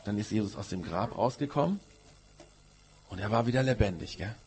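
A man's voice: on the low side, expressive, brisk, darkish tone, slight background noise. A man, a pastor telling a Bible story to children in church, with many questions to them. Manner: storytelling to children, asks questions, uses "gell".

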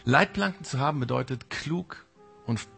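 A man preaching a sermon, speaking directly and informally to the congregation and sometimes acting out a gentle inner voice that warns. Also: medium pitch, animated, normal speed, creaky, husky, soft background music. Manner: mimics the Holy Spirit's gentle warning. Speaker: pastor.

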